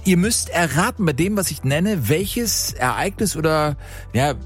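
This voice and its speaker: A male radio quiz host with a somewhat high, very animated voice. He talks fast and chatty, jokes with callers and laughs easily. Faint music plays under the broadcast. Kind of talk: lively radio quiz moderation.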